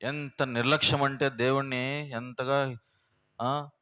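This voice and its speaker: A man's voice: medium pitch, little pitch movement, slow pace, bright, forceful tone, clean tone. A pastor, preaching a plain, homely sermon and firing rhetorical questions at his congregation in a prayer house. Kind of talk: sermon teaching.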